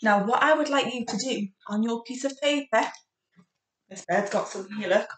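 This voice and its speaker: A young woman teaching phonics to small children in an encouraging way, modelling single speech sounds deliberately and giving simple, direct instructions. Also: fairly high pitch, far from the mic, a little hiss or hum. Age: young adult. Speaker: primary school phonics teacher. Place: domestic kitchen, indoors. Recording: roomy, echoey home recording.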